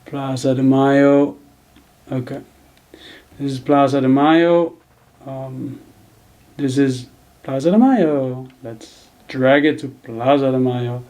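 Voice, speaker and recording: Slow, mellow man thinking aloud. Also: medium pitch, fairly even intonation. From Netherlands. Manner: thinking aloud, halting, many fillers. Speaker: video editing tutor. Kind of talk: screen-recorded tutorial narration.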